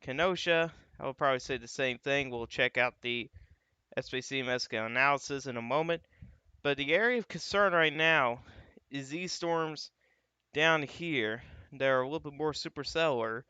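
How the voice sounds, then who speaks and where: A man hosts a live weather stream, talking through radar images in a loose, conversational way. His voice is bright and clear, with a dry, close sound. The audio is a little dull, like a home livestream mic. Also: mid-range voice, moderate pace, dry recording. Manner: casual, thinking aloud, frequent "uh" and "you got".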